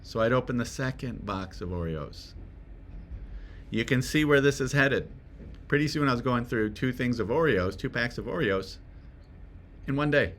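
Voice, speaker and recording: A man of Swedish family roots gives a direct-to-camera motivational talk, chatting with the viewer in a self-help style, asking rhetorical questions and checking in with "right?". His mid-range voice is animated and a bit bright, at normal speed with long pauses, plus a little hiss or hum.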